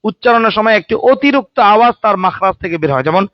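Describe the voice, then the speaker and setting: A man's voice: high voice, lively intonation, fast talker, no room sound. A man teaching a Quran recitation lesson, calling on students to answer aloud and adding colloquial joking asides. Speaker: religious teacher. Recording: dry, dull lo-fi sound.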